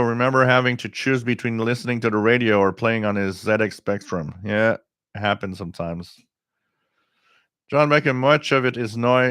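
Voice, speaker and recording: A middle-aged man hosting a casual live stream, talking in a halting way with frequent pauses as he reads out viewer comments. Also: lowish voice, fairly bright tone, smooth, no room sound, studio quality. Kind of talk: casual live stream chat about radio.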